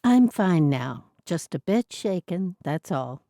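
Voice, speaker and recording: A woman voicing a shaken, quietly brave young woman in an audiobook, in a plain, reassuring manner. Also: on the low side, very animated, takes it slowly, no room sound, studio quality, full character voice.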